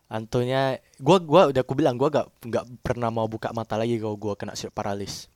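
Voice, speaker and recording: A man's voice: mid-range voice, steady tone, quick pace, a little mellow, dry recording, clean studio sound. Young man rambling through a scary story. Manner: rambling, repeats himself. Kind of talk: casual horror storytelling.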